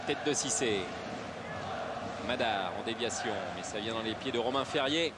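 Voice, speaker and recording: A man's voice: mid-range voice, normal speed. A man calling a football match play by play, naming players in short clipped phrases. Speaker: football commentator. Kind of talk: live play-by-play football commentary. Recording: very noisy stadium broadcast. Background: loud stadium ambience.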